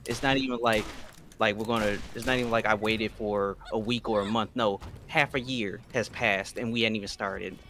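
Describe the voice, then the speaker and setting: A man's voice: fairly low pitch, steady tone, normal speed, pushed and bright, a little hiss or hum. A man chatting casually with a friend on a gaming stream, airing grievances in an aggrieved, complaining way. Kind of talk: casual chat.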